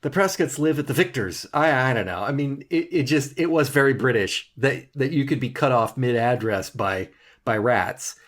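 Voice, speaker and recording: A man's voice: medium pitch, expressive, normal speed, a bit bright. A man from the United States co-hosting a podcast, chatting casually and rambling with lots of restarts. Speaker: podcast co-host. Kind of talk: casual chat.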